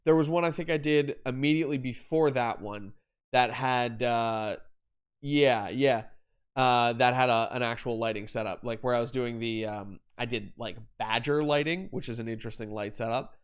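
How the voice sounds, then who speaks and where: A young man talks casually on a live stream, walking through lighting setups, with many fillers and restarts. His voice is smooth and clear, pitched in an ordinary middle range. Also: normal speed. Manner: rambling, self-correcting, explains while demonstrating. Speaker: photography livestream host.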